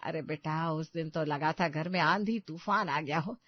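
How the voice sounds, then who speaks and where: A woman's voice: sits low, normal speed, dry recording, dull audio, pitched below the performer's own voice. A woman voicing an older mother-in-law in a cartoon story, scolding but affectionate. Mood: coaxing.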